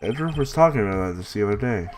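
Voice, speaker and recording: Animated man narrating a video game. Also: lowish voice, rapid-fire. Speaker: host of a game playthrough. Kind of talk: expressive game narration and reading aloud.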